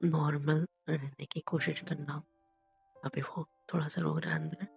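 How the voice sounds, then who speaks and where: A man playing a young husband in a romantic audio drama, calming his wife in soft, hushed, gentle whispers. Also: a little high, a little slow, creaky, breathy edge, highs cut off, faint music behind, heavily acted. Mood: soothing.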